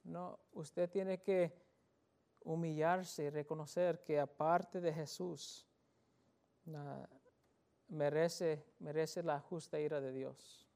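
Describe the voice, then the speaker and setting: A pastor delivers his sermon in a rather high male voice. He preaches earnestly, circling back over his words and slowing down to drive each point home. Now and then he slips into English for scripture. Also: steady tone, creaky, mellow, smooth.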